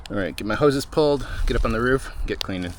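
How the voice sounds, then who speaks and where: A man's voice: medium pitch, animated, fast, a little hiss or hum. A man talking casually to camera as a roof cleaning contractor, his voice muffled as if through a face mask. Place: outdoors at a job site.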